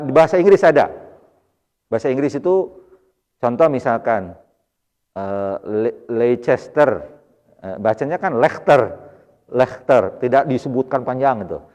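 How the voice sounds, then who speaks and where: This mid-range, darkish voice belongs to a man with a Sundanese accent giving an Arabic grammar lesson in a mosque hall study circle. Patiently, he explains and repeats Arabic words, stressing them. The audio is lo-fi and dull, with reverb from the hall.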